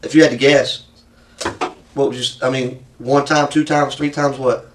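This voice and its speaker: A man's voice: medium pitch, level tone, moderate pace, recorded from a distance, a little hiss or hum. A man with a Southern US accent questioning someone as a police interrogator, persistent, probing and folksy, often repeating answers back as questions.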